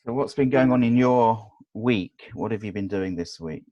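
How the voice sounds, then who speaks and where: A man with a very low voice hosts a casual video call. He sounds relaxed, leaning on fillers as he asks questions. The audio is dry and close. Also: normal speed, dry recording, highs cut off. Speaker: host.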